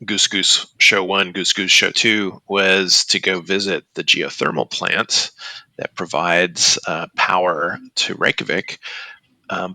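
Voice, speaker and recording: A man's voice: low-pitched, creaky, sharp tone, no room sound, low-quality recording. A middle-aged man hosting a podcast in casual chat, rambling and hesitant with many fillers and restarts. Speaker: podcast host.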